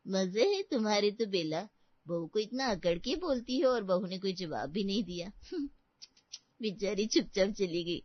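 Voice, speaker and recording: A woman playing a teasing, sharp middle-aged female friend in a cartoon story, who sounds incredulous. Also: medium pitch, lively intonation, dry recording, close to an everyday voice. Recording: dull, dry lo-fi.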